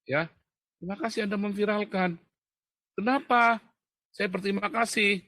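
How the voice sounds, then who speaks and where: A man giving an animated, mocking livestream monologue, often calling his listeners brothers. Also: high voice, fairly quick, no room sound, clean studio sound. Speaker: livestream commentator.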